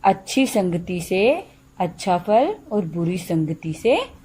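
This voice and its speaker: A woman with a low-ish, warm and very animated voice teaches a primary school class, with slight background noise. In this slow lesson for young children, she asks and answers simple questions and deliberately explains words one by one.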